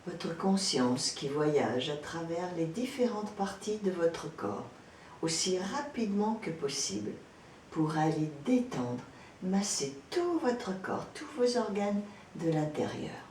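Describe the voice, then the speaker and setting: Here a female instructor guides a yoga relaxation, her delivery gentle and calm and broken by frequent pauses. There is roomy echo from a distant microphone, plus background noise and rumble.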